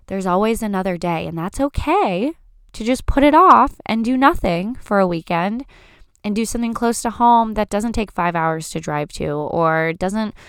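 A woman's voice: lowish voice, clean tone, no echo, studio quality. A woman hosting a solo podcast, talking casually and chattily with frequent "like" fillers. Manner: chatty, fills talk with "like". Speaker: podcast host.

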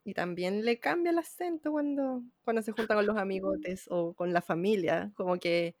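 A woman with a Chilean Spanish accent chats casually, emphatic and full of slang. Her voice is mid-pitched and sounds dry, with no room echo around it. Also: moderate pace, a little mellow. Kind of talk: casual panel chat.

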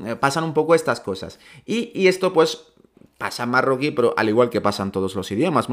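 Man from teaching casually. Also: mid-range voice. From Ceuta. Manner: conversational, many fillers and restarts, asks "¿no?". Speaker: Darija teacher. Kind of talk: casual explanatory lesson.

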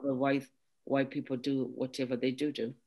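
A woman from Zimbabwe, an entrepreneur guest in an interview, who talks haltingly with many restarts and "um"s. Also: rumbling low, level tone, mellow. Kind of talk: casual interview chat.

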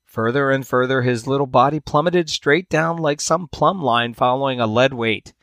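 A man hosts a podcast and reads a fable aloud, telling it at a measured storyteller's pace. His voice sits at a middle pitch and rises and drops sharply for the drama of the tale. The sound is close and dry. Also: fairly bright tone, no room sound. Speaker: podcast host.

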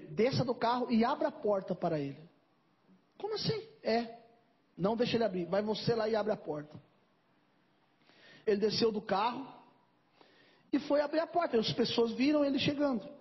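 A man's voice: high-pitched, expressive, brisk, long pauses, breathy edge, muffled recording. A man preaching a sermon as pastor, telling a story and acting out its dialogue.

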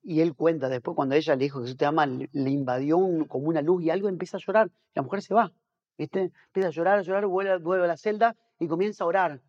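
Male pastor guest, rapid animated storyteller with a slightly high voice, lots of restarts, muffled podcast audio. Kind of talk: casual storytelling interview.

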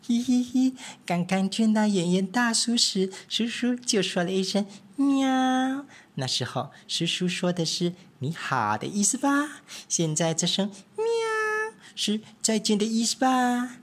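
A man doing squeaky, chirpy little mice. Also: expressive. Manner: chirpy, cheerful, quick questions. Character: three chattering little mice, small and eager.

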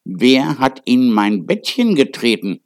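A man voicing seven kindly little male dwarfs in a storybook reading, in a raised, louder questioning voice. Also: medium pitch, sing-song, takes it slowly. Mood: puzzled.

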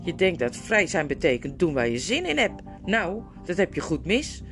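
A woman's voice: lowish voice, very animated, moderate pace, over music. A woman reading a storybook, voicing a scheming, domineering male ape who snaps and sneers. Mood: scornful. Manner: sneering, snapping orders.

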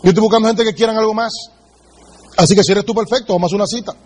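High-pitched guy rattling off a sales pep talk fast, blunt, keeps saying listen to me. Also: steady tone, darkish tone, slightly rough. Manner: direct and emphatic, addresses the listener, acts out sales dialogues. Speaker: business seminar speaker. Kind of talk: motivational sales training talk.

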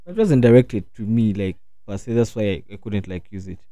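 Mellow, slangy young man hosting a chat. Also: fairly low pitch, expressive, a little fast. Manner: slangy urban street talk with frequent "man", "bro" and "like". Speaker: talk show host. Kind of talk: casual chat, interviewing.

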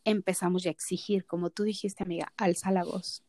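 A woman's voice: fairly low pitch, steady tone, fairly quick, mellow. A woman in her thirties co-hosting a podcast, telling her story in casual chat and acting out the quoted dialogue with animation. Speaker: podcast co-host.

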